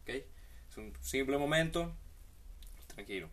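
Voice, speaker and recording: A man's voice: medium pitch, expressive, a little slow, a bit bright. A man hosting a comedic monologue, giving rambling, slangy advice with playful asides.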